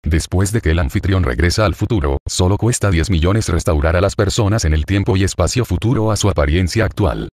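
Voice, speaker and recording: A man reading a flat, formal system announcer. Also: low voice, fairly quick, hardly any pauses, no echo, clean studio sound.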